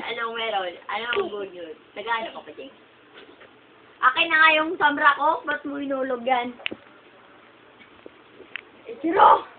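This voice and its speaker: A woman in a casual home video, playful and teasing, laughing often. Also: high voice. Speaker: vlogger. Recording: tinny phone-like sound, faint noise.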